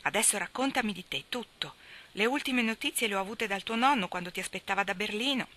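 A woman reading aloud and voicing a lively, eager young woman who speaks in bright, excited exclamations. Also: medium pitch, fast talker.

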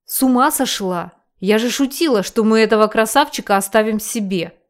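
A woman reading an audiobook, voicing a bossy, hysterical female friend who yells and teases. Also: moderate pace, natural voice. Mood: alarmed yelling. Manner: shrill, yelling. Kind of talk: audiobook character voice.

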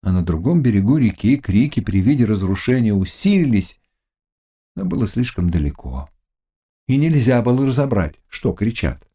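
Man reading a novel with lively pitch. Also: moderate pace, slightly rough. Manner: expressive, dramatic reading. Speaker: audiobook narrator. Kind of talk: scripted narration of a classic novel.

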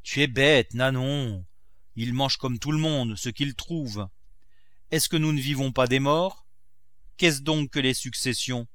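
Male reader as an old miser, curt and commanding, bright voice. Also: mid-range voice, unhurried, no room sound, close to an everyday voice. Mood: dismissive. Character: old miserly cooper, stingy master of the house.

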